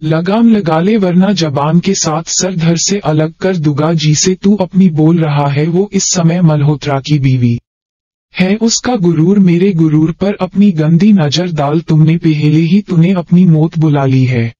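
A man voicing a cold, dangerous young mafia husband who speaks flatly and threateningly. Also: fairly high pitch, a little slow, no room sound. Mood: cold, menacing. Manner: flat and threatening, softening to coaxing. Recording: dull, dry audio.

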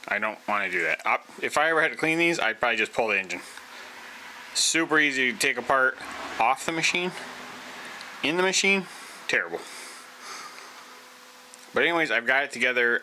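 A man with a bright, pushed, mid-range voice casually narrates his own repair work as a DIY mechanic vlogger, rambling in a laid-back way and dropping fillers as he goes. The recording is low quality with slight background noise, and it moves between a garage and a backyard, indoors and outdoors.

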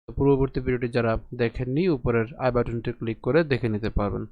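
A man teaching correct Sanskrit pronunciation of a scripture verse, asking and answering his own questions, chanting slowly syllable by syllable. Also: mid-range voice, steady tone, no room sound, phone-quality sound. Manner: explains and asks rhetorical questions. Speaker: Gita recitation teacher. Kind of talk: online pronunciation lesson.

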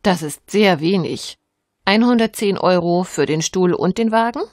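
A woman's voice: lowish voice, moderate pace, no echo, close to an everyday voice. An actress playing a woman selling a pram in a scripted textbook dialogue recorded in a studio. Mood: firm selling. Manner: clear, even-paced speech. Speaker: seller.

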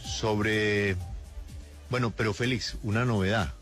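A man's voice: fairly low pitch, fairly even intonation, takes it slowly, fairly bright tone, faint music behind. A man hosting a live radio news discussion, putting questions to colleagues.

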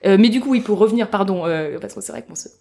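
A woman's voice: mid-range voice, fast, gravelly, dark tone. A young woman, a guest engineer, explaining her work in a casual podcast interview at a festival, with many fillers and restarts. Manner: hesitant, many fillers and restarts, laughs easily. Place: festival venue.

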